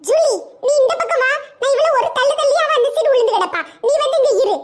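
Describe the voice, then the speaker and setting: A very high, squeaky cartoon schoolgirl, played by a woman, bossing classmates around in a Tirunelveli Tamil accent. She talks fast and teasing, always ready with a threat. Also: lively intonation. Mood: scheming. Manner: bossy, threatening, quick banter. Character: bossy, quarrelsome schoolgirl fighting over a seat. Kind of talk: comic cartoon voice acting.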